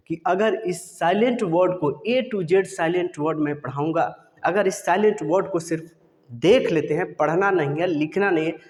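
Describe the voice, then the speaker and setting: A man's voice: a little high, in a large hall. A man teaching a video lesson, asking questions and answering them himself.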